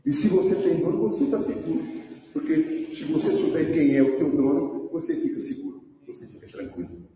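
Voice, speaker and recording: A man's voice: fairly high pitch, expressive, fairly quick, dark tone. A man with a Brazilian Portuguese accent preaching a sermon as pastor, emphatic, repeating his phrases and calling out names. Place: church sanctuary. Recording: echoey church hall, voice from far off the mic.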